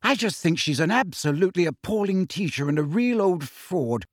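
A man's voice: high-pitched, expressive, normal speed, dry recording, clean studio sound, pitched above the performer's own voice. A man doing a lofty, prim schoolgirl. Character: lofty, severe teenage schoolgirl.

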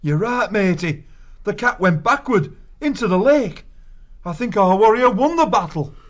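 Young mouse thief, very high, eager, says matey, lo-fi storybook. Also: male voice, lively intonation, normal speed. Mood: earnest. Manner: calls everyone matey.

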